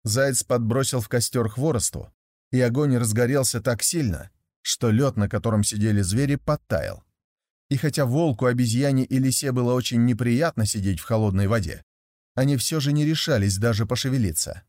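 A man narrating a fairy tale aloud in a steady, measured storytelling voice. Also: mid-range voice, no echo, clean studio sound.

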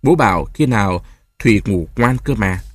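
A man voicing a calm, sardonic husband in his forties. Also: on the low side, moderate pace, dry recording. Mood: gentle. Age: 40s. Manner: cool, mocking, then gentle with his child.

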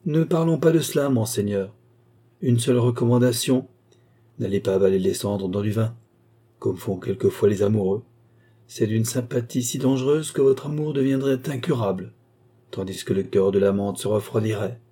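A man reading aloud and voicing a cunning male count, a smooth mystic adventurer, in a persuasive, confidential manner. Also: fairly low pitch, normal speed, dark tone. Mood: cautioning.

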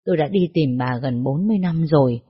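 A narrator voicing an elderly man, a street zither player, who speaks in a halting, trembling way. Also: medium pitch, slightly rough, close to an everyday voice. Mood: tremulous. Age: over 60. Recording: dull lo-fi recording.

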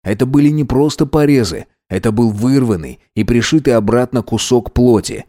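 A man narrating a fantasy audiobook in the first person, even and measured. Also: mid-range voice.

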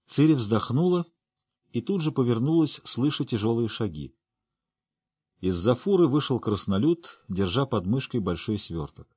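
A man narrating an audiobook in a steady storytelling manner. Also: mid-range voice, moderate pace, breathy edge, no room sound, studio quality. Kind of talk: scripted narration.

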